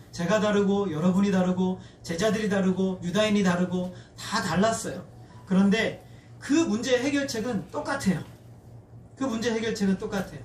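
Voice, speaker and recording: A male pastor delivers an earnest sermon in a high voice, calling his congregation to read scripture aloud with him. He sounds set back from the mic in an echoing church sanctuary, with faint noise behind him. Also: darkish tone, recorded from a distance. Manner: earnest preaching, leads congregation in reading aloud.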